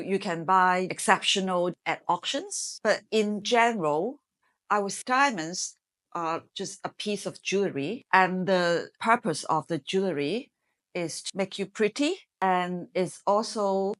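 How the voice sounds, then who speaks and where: A middle-aged woman from Hong Kong, a marketing executive giving measured, explanatory interview answers. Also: on the low side, fairly bright tone. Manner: measured, explanatory, with some fillers.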